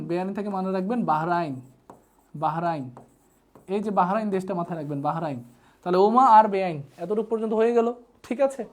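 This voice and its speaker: Here an online tutor, a woman with a medium-pitched and slightly mellow voice, teaches geography live over the internet. She often makes sure students are keeping up and shares playful mnemonics.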